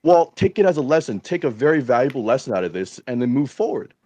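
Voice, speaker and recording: A man speaking quickly and bluntly on a trading podcast, his pitch swinging widely as he makes his points. He swears casually and laughs between lines. The recording is dry, with no room sound. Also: sing-song, dark tone, dry recording.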